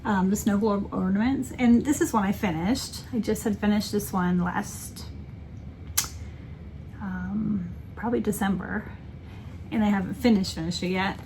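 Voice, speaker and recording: A woman's voice: mid-range voice, fairly even intonation, a little slow, pauses often, a little mellow, slight background noise. A woman in casual chat as a crafting vlogger, rambling and correcting herself with many ums. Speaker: cross-stitch vlogger.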